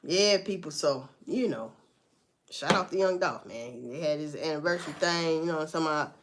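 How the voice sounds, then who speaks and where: A woman's voice: low voice, fairly quick. A woman giving casual, profane and sarcastic commentary, rambling along with sighs and laughs. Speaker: vlogger commenting on news.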